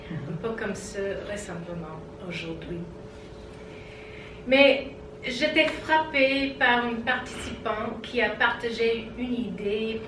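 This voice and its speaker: Foreign-accented woman speaking slow French, echoey room. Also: mid-range voice. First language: not French; French is her fourth language. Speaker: pastor, congress speaker. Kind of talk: public talk at an interfaith congress. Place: large room before a seated audience. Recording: echoey room, distant mic, noisy.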